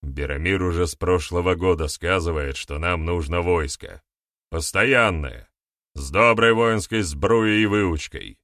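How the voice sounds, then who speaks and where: A man voicing a stern middle-aged war chief who speaks forcefully and with emphasis, in a storybook reading. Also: sits low, a little slow, no room sound, studio quality.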